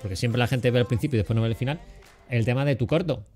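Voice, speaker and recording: A man's voice: medium pitch, racing, darkish tone. Man, 40s, from Cádiz, joking interview host with lots of fillers, faint music behind. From Cádiz, Spain. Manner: banters and teases, many fillers and restarts. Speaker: podcast host. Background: faint background music.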